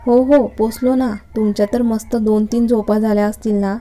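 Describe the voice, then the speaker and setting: A woman's voice: a little high, steady tone, moderate pace, mellow, close to an everyday voice. A woman reading the part of an irritable young male college lecturer in a story, speaking in a curt, scolding manner. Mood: irritated.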